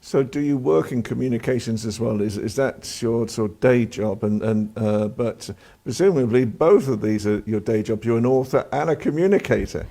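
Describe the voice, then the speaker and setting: A man's voice: mid-range voice, normal speed, creaky, dark tone. A man hosting a live TV interview, asking questions and often repeating words as he starts them.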